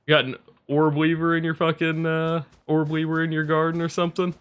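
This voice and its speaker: A young man talks casually to his live-stream viewers, rambling through stories and cursing freely. His voice is bright, forward and crisp, and he laughs easily between remarks. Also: fairly high pitch, completely flat delivery, brisk. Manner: rambling, profane, laughs often.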